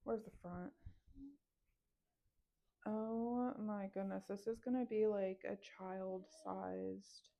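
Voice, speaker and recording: A woman's voice: mid-range voice, steady tone, slow pace, vocal fry, pauses often, dark tone. A woman, chatting to the camera while she sews and muttering her frustration to herself and her viewers. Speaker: sewing vlogger. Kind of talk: casual chat to camera while sewing. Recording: dull lo-fi sound.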